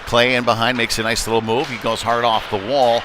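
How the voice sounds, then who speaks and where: A medium-pitched man calls an ice hockey game live at a brisk clip, heard over music. His play-by-play is casual and unpolished, with excited calls whenever things heat up, and the indoor rink stream carries plenty of ambience and clear background noise.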